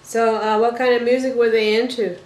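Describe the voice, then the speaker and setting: Fairly quick and level in tone, this older Toronto woman's voice sits on the high side as she interviews a guest on her talk show. She's folksy and loves pet names, and the small living room where they sit gives the sound a roomy echo.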